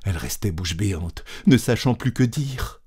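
A man narrating an audiobook with expressive, deliberate storytelling. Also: lowish voice, breathy edge.

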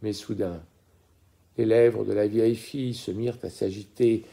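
A man reading a classic story aloud as an audiobook, measured and expressive. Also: fairly low pitch, vocal fry. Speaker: narrator.

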